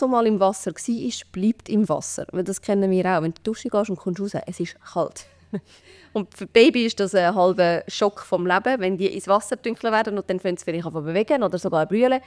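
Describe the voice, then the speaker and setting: Swiss German woman, expert guest, quick practical explainer, dry close mic. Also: mid-range voice, no echo. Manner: practical, explaining step by step with many fillers. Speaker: baby care expert guest. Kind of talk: conversational podcast explanation.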